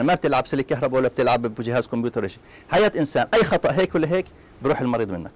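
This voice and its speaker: A man with a Palestinian Arabic accent giving a university lecture, talking straight to his students with quick asides and acted-out little scenes. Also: mid-range voice. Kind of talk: classroom lecture.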